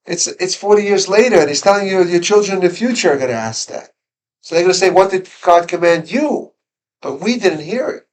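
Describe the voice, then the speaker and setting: A man's voice: on the high side, poor audio. A man teaching a classroom Torah lesson, talking conversationally, questioning his students, and often restarting his sentences. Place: school classroom.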